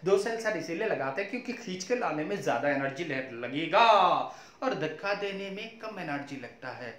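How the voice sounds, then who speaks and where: A man teaching physics in a lecture, often asking his students questions and mixing English terms into his talk. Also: high-pitched. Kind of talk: classroom lecture. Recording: echoey room.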